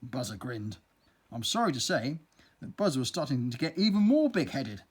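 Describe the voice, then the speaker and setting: A storyteller reading a children's story aloud in a playful, expressive way. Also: mid-range voice, moderate pace, breathy edge.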